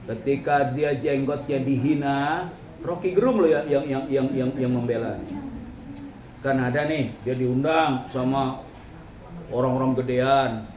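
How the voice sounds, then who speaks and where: A middle-aged man preaching a humorous religious talk to a congregation in a mosque, lively and joking as he addresses his listeners directly. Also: mid-range voice, measured pace, slight background noise. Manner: lively, joking, addresses the audience as ladies and gentlemen. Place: mosque hall. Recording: echoey hall with faint ambience.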